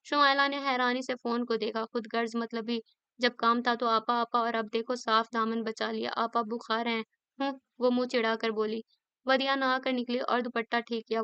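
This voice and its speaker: A woman reads a novel aloud in a very smooth, clear voice pitched a little high. She holds an even, level delivery. The recording is dry and a bit dull, with a lo-fi edge. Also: no room sound. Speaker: narrator.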